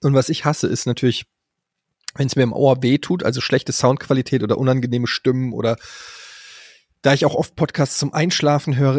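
A man's voice: mid-range voice, darkish tone, dry recording. Male podcast co-host, casual and rambling, dry close mic. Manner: rambling, many fillers and restarts. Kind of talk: casual chat.

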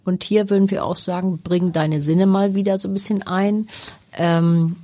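A woman sex therapist co-hosting a podcast, explaining her approach in relaxed, searching sentences with fillers. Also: fairly low pitch, moderate pace, no echo. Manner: explanatory, thinks aloud with fillers. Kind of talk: casual podcast chat.

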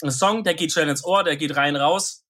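A man with a bright, forward, somewhat high voice chats in a loose, joking podcast style. He tosses out slang and speaks straight to his listeners as co-host. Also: normal speed. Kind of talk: casual podcast banter.

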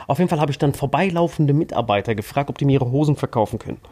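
A man's voice: medium pitch, expressive, rapid-fire, dark tone. A man, co-hosting a podcast, telling a crude comic story in slang and acting out other people's lines in mock voices. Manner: crude slang-heavy banter. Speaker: podcast co-host. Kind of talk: animated comedic storytelling.

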